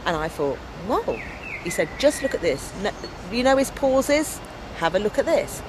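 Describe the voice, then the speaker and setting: A slightly high-pitched woman from England speaks at a moderate pace, telling lively stories in a big, loud, strong voice. It's a casual outdoor interview with background noise, and she is an activist and storyteller.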